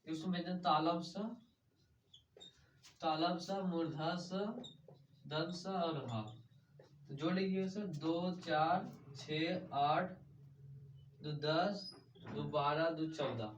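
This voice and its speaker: A man's voice: a little high, slow, long pauses, a little hiss or hum. Man drilling grammar, echoey room. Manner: asks a question and answers it himself, addresses everyone as sir. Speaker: teacher. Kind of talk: grammar lesson with call-and-response drilling. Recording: echoey room, distant muffled mic.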